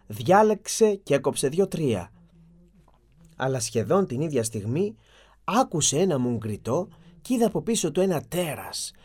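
A storyteller giving an expressive, dramatic reading of a fairy tale. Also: medium pitch, husky.

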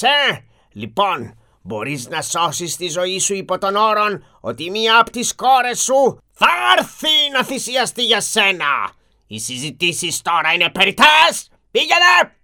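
A storyteller voicing a hideous, stern male beast in a fairy tale, speaking slowly and menacingly. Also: pushed and bright. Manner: slow, drawn-out, booming delivery.

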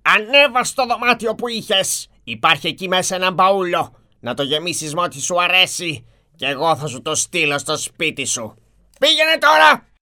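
A storyteller voicing a hideous, stern male beast in a fairy tale, speaking slowly and menacingly. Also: sharp tone, close to an everyday voice. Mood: gruff. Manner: slow, drawn-out, booming delivery.

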